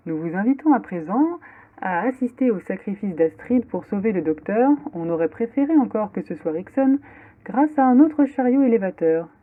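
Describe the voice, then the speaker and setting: A woman playing a pilot's cockpit-headset announcement, delivered in a deadpan captain's voice. The sound is narrow and phone-like, as if it comes through the aircraft's tinny speaker system. Her pitch sits in the middle of the range, and she switches between French and clumsy English. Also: normal speed. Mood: deadpan announcing. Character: mock airline captain making cabin announcements. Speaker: podcast co-host giving the episode recap. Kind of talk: comic scripted recap.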